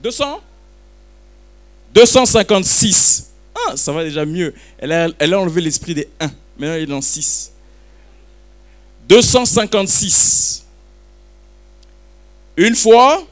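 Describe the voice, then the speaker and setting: A man's voice: high voice, big pitch swings, a little slow, long pauses. A man running a live auction at a book launch, calling and repeating bids while teasing the crowd. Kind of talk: joking live auction patter.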